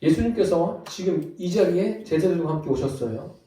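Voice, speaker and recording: A man delivers a Sunday sermon in a high, mellow voice, acting out the lines he quotes and moving from loud to soft. He sounds far from the microphone in a church hall with heavy echo. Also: expressive, normal speed. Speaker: pastor. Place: church sanctuary. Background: congregation answering amen.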